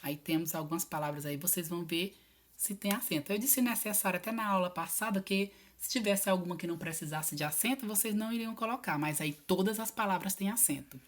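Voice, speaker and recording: A woman teacher, patiently going over homework answers in a recorded video lesson and spelling out each word slowly. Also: lowish voice. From Piauí, Brazil.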